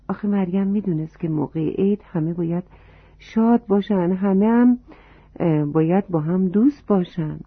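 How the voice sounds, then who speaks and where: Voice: medium pitch, husky, no room sound. A narrator telling a storybook tale to children and speaking to them directly. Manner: warm, addressing children directly. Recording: dry, tinny phone-like sound.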